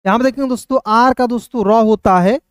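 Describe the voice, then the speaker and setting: A man's voice: extremely high pitch, brisk, clear, resonant tone, dry recording, clean studio sound. A man teaching English pronunciation online, asking questions and answering them himself and calling viewers brother and friends. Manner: repetitive, asks and answers his own questions, addresses viewers as brother and friends. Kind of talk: online spoken-English lesson.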